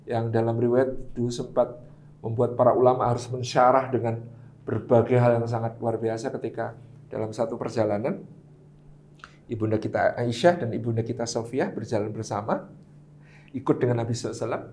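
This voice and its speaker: A man with a medium-pitched, brisk voice speaks as a guest Islamic preacher in a casual religious talk, with slight background noise and a roomy echo. He tells stories in an animated way, acting out the quotes.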